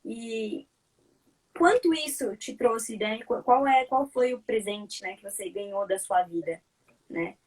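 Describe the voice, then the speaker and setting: A woman speaks reflectively on an online panel and keeps posing rhetorical questions. Her voice sits a little high. She sounds distant from the microphone, as if seated back from her laptop. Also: slow pace. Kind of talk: casual online panel talk.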